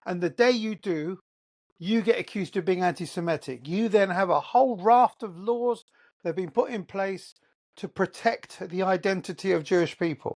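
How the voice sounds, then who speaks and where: Hosting his podcast alone, this English-accented man, Qatar-born and England-raised, delivers an emphatic monologue peppered with rhetorical questions. His voice is high and a little mellow, at a normal speed.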